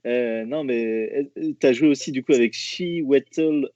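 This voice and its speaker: A man hosts a relaxed interview, feeding questions with halting, hesitant phrasing. The sound is dry and close, with a dull lo-fi tone. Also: medium pitch, no room sound. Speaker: interviewer, host. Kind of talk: casual interview chat.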